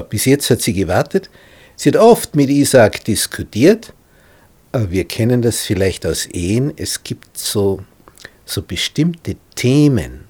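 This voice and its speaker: Dramatic slow-speaking male preacher. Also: deep voice, husky. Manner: dramatic, shifting from loud to whispered. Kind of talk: sermon retelling a Bible story.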